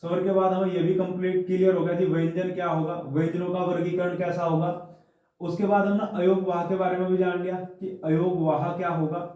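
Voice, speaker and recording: A man gives a Hindi grammar lesson in a fairly high voice, calling his listeners children. He asks a question, answers it himself, and repeats the key points. He is heard from across a strongly echoing room. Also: flat delivery, brisk, muffled recording. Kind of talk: classroom-style lesson at a board. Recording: echoey room, voice from a distance.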